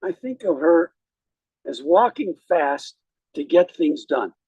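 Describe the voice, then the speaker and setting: A man speaking as a rabbi at a graveside, giving a eulogy in a measured, reflective way with deliberate pauses. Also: sits high, wildly swooping pitch, creaky, darkish tone, husky, dry recording. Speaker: rabbi officiating at a funeral.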